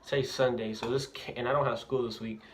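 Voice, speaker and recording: A man's voice: mid-range voice, steady tone, fast talker. Young guy, lip full of dip, noisy recording. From Louisiana, United States. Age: young adult. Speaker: dip reviewer. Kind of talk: casual vlog, product review. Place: indoors, bathroom at a house. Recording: noisy amateur bathroom recording, clicks.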